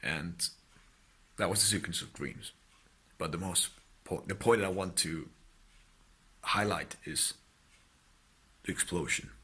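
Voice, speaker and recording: A young man from Spain with an American accent, earnestly recounting dreams and exhorting listeners, halting at times before rising into fervent blessings. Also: deep voice, pushed and bright, breathy edge. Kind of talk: personal testimony and exhortation.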